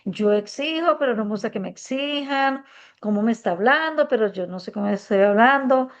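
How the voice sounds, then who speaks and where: A woman speaks up at a workshop, reflecting earnestly in a deliberately soft, gentle voice. She hesitates often, filling gaps as she thinks aloud. The recording is dull and muffled. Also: a little high, animated. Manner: speaks softly and gently on purpose. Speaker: workshop participant. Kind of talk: spontaneous testimony.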